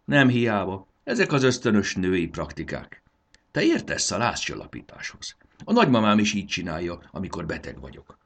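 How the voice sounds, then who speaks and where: A man's voice: low-pitched, wildly swooping pitch, vocal fry, a bit bright, full character voice. A man voicing an earnest young boy who eagerly explains things.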